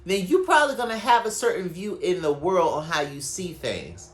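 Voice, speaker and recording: A woman's voice: on the low side, big pitch swings, moderate pace. A woman hosting her own podcast, ranting casually and profanely in a solo, digressive monologue. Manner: conversational, digressive. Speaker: podcast host.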